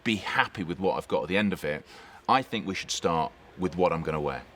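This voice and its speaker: A man's voice: low voice, lively intonation, brisk, a bit bright. A man presenting his own cycling challenge in casual chat, joking and self-deprecating, in an indoor training room.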